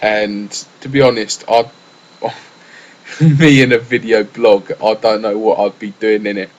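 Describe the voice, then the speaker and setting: Casual solo podcaster: young English man, lowish voice, loose, rambling delivery with lots of fillers. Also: fairly even intonation, measured pace, dull audio. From England. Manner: rambling, chatty, with frequent fillers and restarts. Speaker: gaming podcaster.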